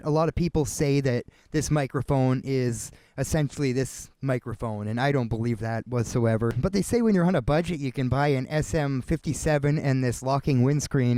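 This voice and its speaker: A relaxed man from Canada talks viewers through a microphone test in a casual, thinking-aloud way. He speaks close into a studio dynamic mic, and the sound is dry with almost no room on it. His pitch sits in a middle range for a man. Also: normal speed, dry recording. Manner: chatty, laid-back, thinks aloud with fillers. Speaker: video creator testing microphones. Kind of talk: casual gear review talking to viewers. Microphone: switching between studio dynamic microphones.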